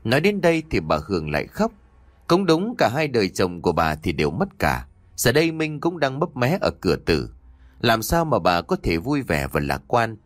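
A man narrating a horror story in an expressive, dramatic way. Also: medium pitch, moderate pace, no echo.

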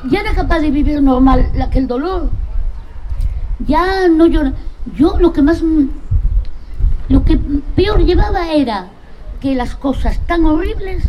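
A woman's voice: high-pitched, dark tone. A middle-aged woman from Spain speaking earnestly and bluntly at a public talk, swearing casually. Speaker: panel speaker, mother of drug-affected children's group. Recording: noisy live talk recording.

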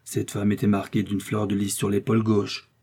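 A man's voice: fairly low pitch, monotone, normal speed, darkish tone, husky. A man playing a grave nobleman who trembles as he tells his accusation in an audiobook.

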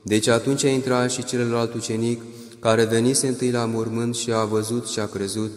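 A solemn man reads scripture in a measured liturgical way, with lines that drift into chant. His pitch stays flat and even. The sound is roomy, with a long hall reverb trailing each phrase. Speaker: scripture reader.

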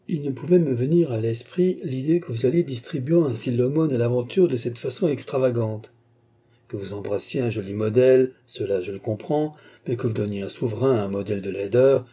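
Man voicing a breezy painter, teasing, dark husky tone. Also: medium pitch. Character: cheerful amused male painter friend.

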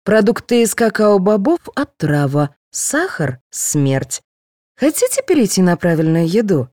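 A woman's voice: medium pitch, big pitch swings, moderate pace, darkish tone, no room sound, clean studio sound, voice pushed up, close to an everyday voice. A woman doing a preachy dentist lady. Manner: lecturing, preachy. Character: preachy female dentist, health zealot.

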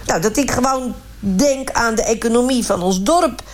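A woman's voice: a little high, moderate pace, close to an everyday voice. A woman voicing a chatty, self-righteous middle-aged village man who rambles indignantly in a comic radio sketch. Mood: smug. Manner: rambling, indignant, repeats "hartstikke" and "gewoon".

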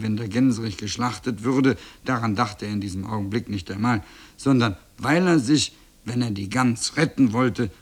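A man reading a children's classic aloud on radio in a calm, measured storytelling voice. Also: mid-range voice, husky. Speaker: reader.

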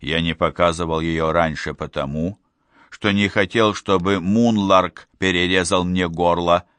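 A man's voice: low-pitched, steady tone, unhurried, a bit bright, clean tone, dry recording. A man reading the part of an earnest, insistent young man in an audiobook, pressing his case with urgent pleading. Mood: reasoning.

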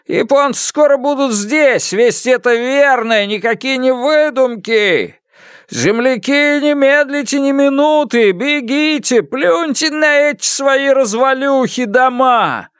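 A man voicing a village crier who calls out warnings in slow, drawn-out phrases. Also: extremely high pitch, fairly bright tone, smooth, dry recording, studio quality, pitched above the performer's own voice, heavily acted. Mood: urgent warning.

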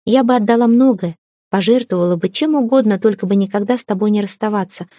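Woman voicing a gentle young woman in love, soft and pleading, mellow tone, dry close sound. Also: mid-range voice, fast talker, dry recording, natural voice. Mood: tearful. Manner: soft, pleading, near tears.

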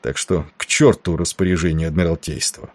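A man voicing a tired, composed ship captain who speaks in measured commands. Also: low-pitched, fairly even intonation, a little mellow, no echo. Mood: weary.

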